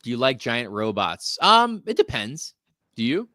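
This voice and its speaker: A man's voice: mid-range voice, very animated, measured pace, bright, forceful tone, no echo, clean studio sound. A man in his forties hosting a casual collectibles podcast live stream, joking around and reading viewer comments aloud. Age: 40s. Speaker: podcast host.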